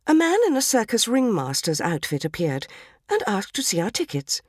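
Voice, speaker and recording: Heavily acted in a fairly low, husky voice, this dramatic first-person story reading features a woman portraying a prim, tearful, naive 1940s English housewife with an English accent. She sounds genteel, wistful and earnest, and the studio sound is clean with no room sound.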